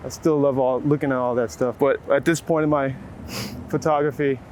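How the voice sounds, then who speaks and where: This American photographer from Waco, Texas, has a mid-range, darkish voice with a steady tone, and he talks fairly quickly. In an interview on a city street, he's informal and reflective, searching for words and leaning on "like" often. Clear traffic and street sounds fill the background, vehicles going by amid the urban hum.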